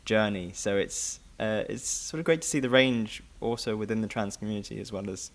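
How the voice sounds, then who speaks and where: A man hosting a podcast interview, asking long, measured, winding questions. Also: fairly low pitch. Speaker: podcast host. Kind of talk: conversational interview.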